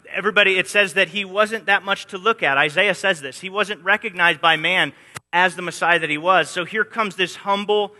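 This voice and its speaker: Bright-voiced man teaching Bible study. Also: sits high. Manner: casual storytelling, acting out quotes. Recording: long hall reverb.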